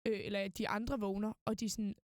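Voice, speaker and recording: A woman's voice: mid-range voice, level tone, darkish tone, no echo, studio quality. A young woman, a student guest on a podcast, telling a long personal story in a casual way, full of fillers and quoted thoughts. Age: young adult. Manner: rambling, full of fillers and quoted inner speech.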